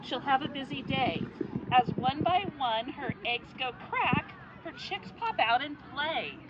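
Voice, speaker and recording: A woman reading a picture book aloud to children outdoors at a farm, animated and coaxing them to make animal sounds. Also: sits high, a little slow, heavy background noise. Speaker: storyteller at a petting zoo. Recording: dull lo-fi sound with a loud crowd of children.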